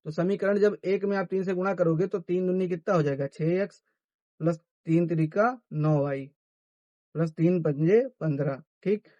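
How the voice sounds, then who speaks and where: A man's voice: sits high, normal speed, mellow, no room sound, dull audio. A man teaching a math lesson who asks his students questions and answers them himself. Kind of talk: classroom-style math lesson.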